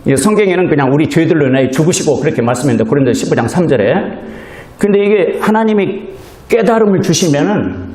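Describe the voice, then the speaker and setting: In an echoey church sanctuary, a Korean male pastor delivers a sermon earnestly and conversationally, acting out short quoted exchanges with the congregation. His voice is a little high with a dark tone.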